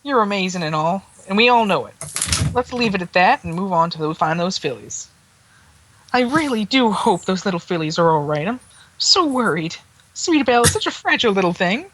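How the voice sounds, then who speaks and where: A woman's voice: medium pitch, expressive, brisk, a bit bright, slight background noise, voice pushed down, lightly acted. A woman voicing a folksy, kindly farm pony with a homespun, earnest manner, in an amateur comic read-through. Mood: caring.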